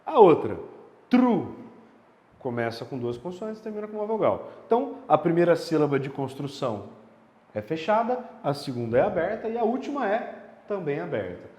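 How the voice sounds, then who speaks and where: A male grammar teacher giving a video lesson, lively and emphatic, often checking in with the listener. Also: fairly high pitch, normal speed. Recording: echoey room with long reverb.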